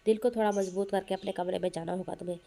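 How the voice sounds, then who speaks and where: A scornful young man from an audio novel, read by a woman narrator. He lectures coldly and threateningly. The delivery stays mellow and flat. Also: medium pitch, quick pace, gravelly, slight background noise, close to an everyday voice. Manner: contemptuous, lecturing.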